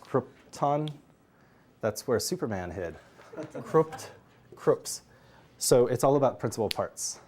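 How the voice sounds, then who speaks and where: A man's voice: mid-range voice, animated, slow pace, long pauses, a little mellow, slight background noise. A man teaching a Greek grammar class, drilling students and joking with them. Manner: drills students, jokes and laughs. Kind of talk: classroom lesson.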